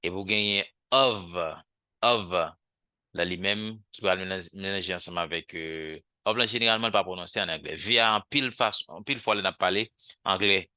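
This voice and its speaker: A man's voice: low-pitched, moderate pace, sharp tone, clean tone, no room sound. A man with a Haitian accent teaching an English lesson over a video call, repeating English phrases again and again so learners can copy them. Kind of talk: live online language lesson.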